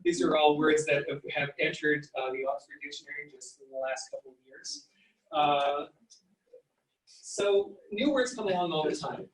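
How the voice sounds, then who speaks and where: A man's voice: fairly high pitch, normal speed. Man lecturing in an echoey hall. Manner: explanatory, sounds out words and letters. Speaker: psychology lecturer. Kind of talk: university lecture. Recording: echoey room, mic at a distance.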